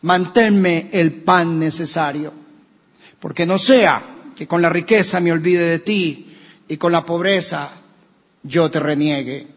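A Colombian man preaching a sermon as a pastor, animated, acting out quoted voices and rising at times to shouts. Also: a little high, slow pace, in a large hall, lo-fi sound. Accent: Colombian Spanish. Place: church.

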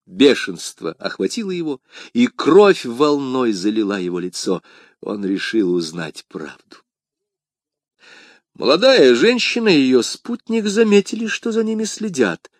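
A man reading a historical adventure novel aloud as an audiobook narrator, with dramatic, expressive storytelling. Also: mid-range voice, no room sound, clean studio sound. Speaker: audiobook reader. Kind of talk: scripted narration.

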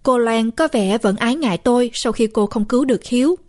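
A woman narrating a first-person horror story in a measured, steady storytelling voice. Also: fairly high pitch. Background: faint music.

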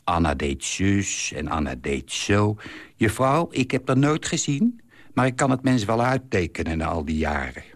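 A man reading aloud in the voice of a chatty middle-aged woman, telling her story with lively, confiding storytelling. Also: fairly low pitch, moderate pace, dry recording. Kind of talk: reading a literary column aloud.

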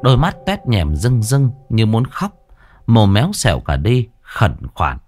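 A man narrating a ghost story with dramatic, animated delivery. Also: on the low side, measured pace, faint music behind.

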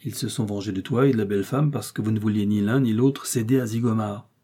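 A man reading an audiobook, voicing a calm, kindly detective who asks gentle, patient questions. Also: on the low side, quick pace, husky. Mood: reasoning. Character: calm, kindly middle-aged male detective.

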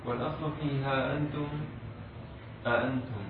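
Man reading a classical text aloud in a flat, steady voice, far from the mic, echoey and tinny with hiss. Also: medium pitch, a little fast. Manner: reads steadily in classical Arabic. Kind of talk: formal recitation of a classical text.

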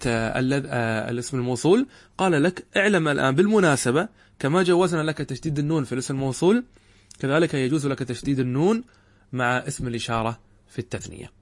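A middle-aged man teaching Arabic grammar in a classroom lecture. He keeps asking rhetorical questions and answering them, and slows down to spell out example words. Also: mid-range voice, no echo.

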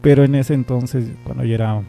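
A man's voice: medium pitch, steady tone, fairly quick, vocal fry, warm tone, faint music behind. A man with a Mexican accent, casually telling a personal story in a rambling, slangy way and laughing often. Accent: Mexican Spanish. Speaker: amateur radio-style host.

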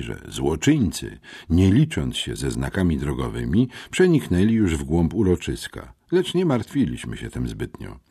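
A man narrating an adventure audiobook in the first person with expressive storytelling. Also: a bass voice, husky.

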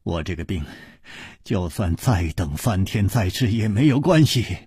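A husky-voiced man in traditional storytelling, voicing a sick, weakened male hero who speaks quietly and haltingly. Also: sits low, big pitch swings, dry recording, studio quality, heavily acted. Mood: scolding. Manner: quiet, faltering, strained.

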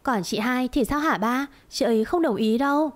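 A woman voicing a spoiled young woman who is whiny and gloating, with a shrill edge in a storybook tale. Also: moderate pace, lightly acted. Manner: whiny, shrill when scared.

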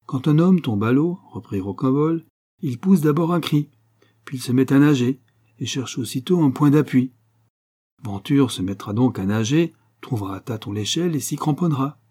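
Rocambole is a cunning young crook, read by a man who walks his accomplice through a plan with patient, step-by-step care. The voice is dark and mellow with a husky edge. It sits at a middle pitch. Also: animated, moderate pace. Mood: calm, explaining. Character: cunning young male crook, calm schemer.

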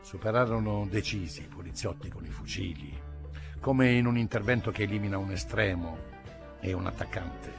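A man reading a literary short story aloud in an expressive, dramatic manner. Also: fairly low pitch, normal speed, gravelly, music in the background. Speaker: audiobook reader. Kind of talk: literary audiobook narration.

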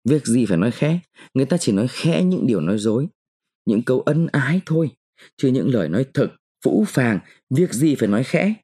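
A male narrator voicing a sharp-tongued, defiant mandarin's wife who scolds and taunts her husband. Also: medium pitch, big pitch swings, fairly quick, slightly rough. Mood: scornful.

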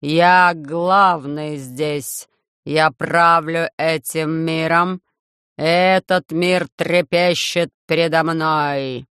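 Storybook robot overlord, loud, harsh and metallic, very slow, clear dry delivery, as a reader puts it on. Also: medium pitch, steady tone, no echo. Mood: cold commanding. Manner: slow, loud, measured commands. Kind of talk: audiobook reading.

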